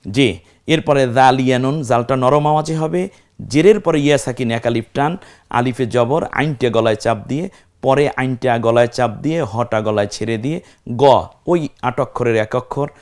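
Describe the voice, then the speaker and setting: A man's voice: mid-range voice, brisk, clean tone. A man teaching a step-by-step recitation lesson, spelling out letters, stretching vowels to demonstrate, and answering his own questions to the class. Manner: asks the class questions and answers them himself.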